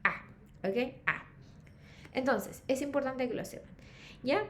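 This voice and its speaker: A woman's voice: high voice, takes it slowly, a bit bright, slight background noise. A woman teaching an English class, checking in constantly with her students. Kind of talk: online class lecture.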